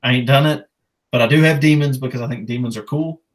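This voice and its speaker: A man's voice: medium pitch, fast, poor audio. Man, podcast co-host, eager and rambling, swears freely, mid-range voice. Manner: enthusiastic, rambling, profane. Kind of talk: casual podcast chat.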